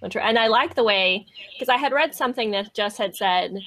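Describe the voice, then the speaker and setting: A woman co-hosting a podcast who chats casually and rambles, with plenty of fillers and pauses. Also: mid-range voice, pushed and bright, no echo. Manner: rambling, filler-heavy, hesitant. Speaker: podcast co-host. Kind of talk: casual chat.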